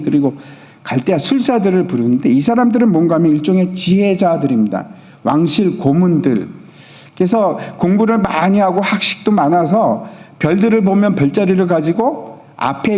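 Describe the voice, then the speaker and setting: A man's voice: high voice, dark tone. A male pastor preaching a sermon, retelling a story and asking his congregation questions. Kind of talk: sermon at a Friday prayer meeting. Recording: long church hall reverb.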